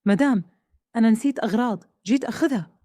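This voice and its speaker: A woman's voice: a little high, fast, mellow, no room sound, studio quality, lightly acted. A woman voicing a nervous foreign servant man. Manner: simple broken phrasing, pleading. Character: male foreign house servant, nervous, broken Arabic. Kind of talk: storytelling dialogue.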